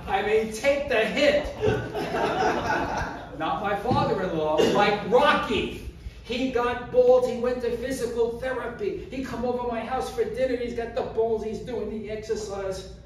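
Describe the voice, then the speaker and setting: A man giving an animated storytelling speech, acting out the scenes as he talks in a community hall. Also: very high-pitched, a little slow, noisy background. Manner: animated, acts out scenes with gestures. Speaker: public speaker. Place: community hall, indoors, large room. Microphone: far camera, no mic. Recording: echoey hall from far off.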